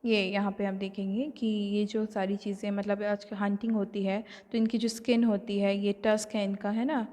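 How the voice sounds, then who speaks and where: A woman teacher with an Indian accent, recorded in a room with a long, lingering reverb. She reads English lines slowly and deliberately, then switches to easy Hindi explanation with frequent fillers. Her pitch sits in a middle range. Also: little pitch movement, mellow. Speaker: online class teacher. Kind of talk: recorded lesson explaining a textbook.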